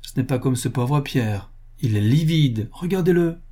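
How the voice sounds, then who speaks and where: A man reading the part of a spirited young countess in an audiobook, in a raised, lively voice. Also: medium pitch, a little slow.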